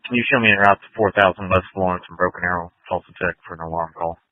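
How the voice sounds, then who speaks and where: Man, field officer on police radio, low voice, brisk codes, tinny dry scanner audio. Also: dry recording.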